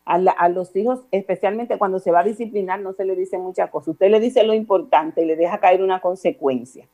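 A middle-aged woman with a Dominican accent giving calm, instructive parenting advice as a guest on a talk show. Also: mid-range voice, a little fast. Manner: calm, didactic, addresses listener formally with repeated examples.

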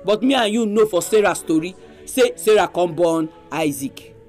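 A man's voice: sits high, expressive, normal speed, a little mellow, faint music behind. A man from Nigeria with a Nigerian Pidgin accent, hosting a religious programme and exhorting listeners in an emphatic, conversational preaching style. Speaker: religious radio programme host.

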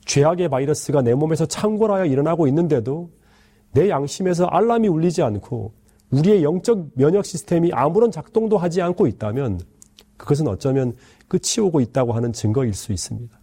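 A male pastor giving an earnest sermon, pleading with the congregation and letting his sentence endings fall soft and low. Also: lively intonation, a little fast, slightly rough.

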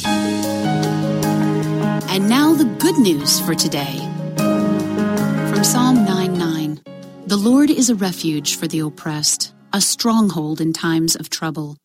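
A woman announcer reading a devotional passage slowly, heard through fading shortwave radio reception. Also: lowish voice, big pitch swings. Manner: slow, measured reading. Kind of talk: slow scripted devotional reading. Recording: distant radio audio with loud music.

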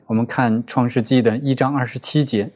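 A man reading and explaining Bible verses in a steady, agreeable way. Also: mid-range voice, fairly quick.

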